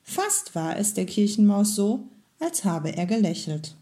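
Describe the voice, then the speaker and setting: Calm woman reading a children's story. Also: mid-range voice, a little slow. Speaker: kindergarten head reading a story.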